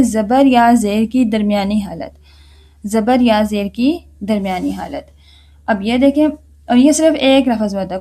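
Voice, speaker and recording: Bright-voiced woman teaching slowly. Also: a little high. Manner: repeats key words slowly, asks and answers her own questions. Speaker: tajweed teacher. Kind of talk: explanatory lesson with repetition.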